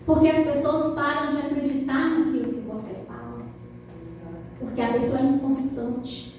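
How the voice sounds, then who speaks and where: A woman pastor with a Brazilian accent preaches to her congregation, animated and playful as she tells her stories. Her voice is very high. It is picked up from a distance in a strongly reverberant church hall. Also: moderate pace, a little hiss or hum. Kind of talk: sermon. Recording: very echoey church hall, from afar.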